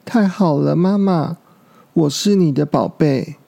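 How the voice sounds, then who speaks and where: Man doing a small boy dinosaur, high and pleading, with a gravelly edge; storybook. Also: a little slow, warm tone. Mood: happy. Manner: pleading, insistent. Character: frightened little boy dinosaur, earnest, stubborn.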